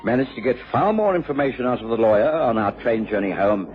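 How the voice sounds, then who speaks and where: Casting: man playing courteous doctor-narrator, formal yet animated, muffled radio mystery with music. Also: medium pitch, fast talker, natural voice. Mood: measured storytelling. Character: gentlemanly doctor narrating his detective friend's case. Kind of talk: radio drama storytelling.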